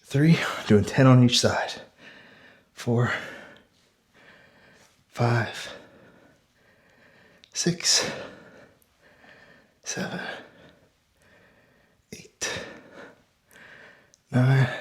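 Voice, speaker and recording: Guy coaching a workout while doing it, out of breath, lowish voice, counts reps going breathy. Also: a little mellow. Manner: counts reps aloud, trailing off breathy mid-set. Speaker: fitness coach. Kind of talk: follow-along workout instruction.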